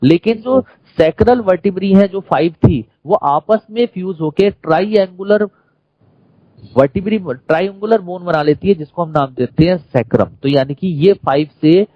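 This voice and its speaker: A man's voice: high voice, normal speed, dry recording, highs cut off. A man with an Indian accent teaching a classroom lecture, who keeps quizzing the class and repeating key terms.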